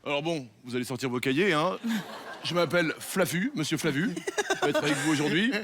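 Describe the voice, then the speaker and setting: A man's voice: fairly high pitch, animated, fairly quick, a bit bright, a little hiss or hum. A man doing a sly, bossy math teacher. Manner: strict, pompous classroom tone.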